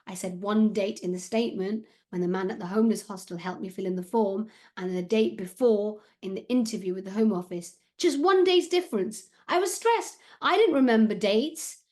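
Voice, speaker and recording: Woman doing worried syrian teen boy, accent, halting english, storybook voice. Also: medium pitch, a little mellow, close to an everyday voice. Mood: upset. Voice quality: halting, slightly broken English. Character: Syrian teenage boy, sixteen, worried and downcast.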